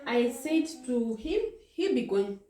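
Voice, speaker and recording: A woman's voice: a little high, animated, slow pace, warm tone. A woman from Kenya with a Kikuyu accent, telling personal stories conversationally as an interview guest, correcting herself and mixing in Swahili and German words. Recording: echoey room.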